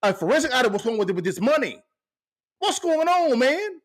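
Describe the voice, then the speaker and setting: A male podcast host delivering impassioned commentary in a high voice. His pitch leaps and dips constantly. He circles back to the same pointed questions again and again. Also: very animated, normal speed.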